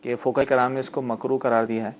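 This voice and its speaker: A man answering callers' religious questions on a TV studio show. His voice sits at an ordinary, medium pitch. He explains calmly and at length, and pronounces difficult words slowly and clearly. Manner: patient and explanatory, spells out the right pronunciation slowly. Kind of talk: religious call-in Q&A on TV.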